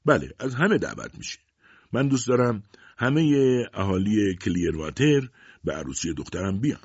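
A man voicing a proud, quick-tempered older father who talks loud and forcefully. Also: mid-range voice, expressive, dry recording, muffled recording, voice pushed up.

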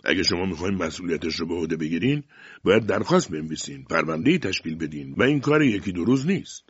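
A brusque, stern police commissioner, as a male audiobook reader plays him, very deep and husky. He speaks in a curt, official way, the sound dry and dull. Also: very animated, dry recording, full character voice. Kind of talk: audiobook character voice.

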